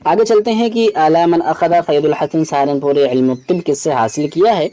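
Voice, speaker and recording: A man's voice: fairly high pitch, dark tone. A man teaching an exam preparation lesson, walking through answers and explaining them step by step, with English terms mixed into his talk.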